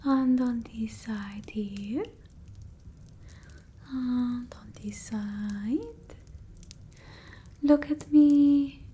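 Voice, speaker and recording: Whispering close to an ASMR mic, a woman with a slightly high voice plays a fussy, condescending female vampire. She sounds doting and fussy, halting, blunt and gently bossy. A little hiss or hum is audible.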